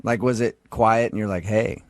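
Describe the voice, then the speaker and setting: A man's voice: mid-range voice, animated, fairly quick, slight background noise. An American man hosting a morning radio show, bantering casually with callers in a mock-earnest, teasing way.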